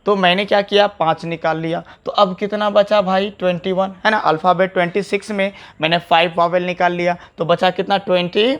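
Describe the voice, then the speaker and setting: A man gives a grammar lesson in a high, bright voice. He repeats key words over and over and keeps asking his students questions. He speaks as a teacher working at a whiteboard. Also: little pitch movement, a little fast, few pauses. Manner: explains, repeats words, asks rhetorical questions. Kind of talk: classroom lecture to camera. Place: classroom with a whiteboard.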